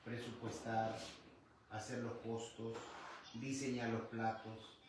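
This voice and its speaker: A man in his fifties, a guest in a livestream interview, speaking calmly and conversationally with pauses and fillers. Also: medium pitch. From Honduras. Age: 50s. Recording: very echoey room, far from mic, some noise.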